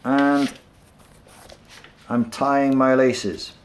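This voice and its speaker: A man teaching English, slowly narrating everyday actions in a clear, deliberate way. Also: medium pitch, flat delivery, reverberant, a little hiss or hum. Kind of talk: slow, simple narration of daily actions.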